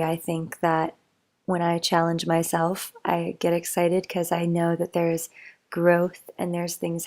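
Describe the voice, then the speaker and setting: A woman's voice: fairly low pitch, gravelly, a little mellow. A young woman rambling in a chatty, meandering way for a sleep-aid monologue, full of motivational musings and fillers. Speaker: bedtime talk creator.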